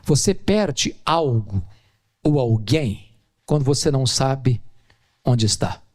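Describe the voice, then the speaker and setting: A middle-aged Brazilian man preaching a sermon as pastor, telling stories and acting out the dialogue in a raised voice. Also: takes it slowly. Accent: Brazilian Portuguese. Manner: animated storytelling, acting out dialogue in a high voice.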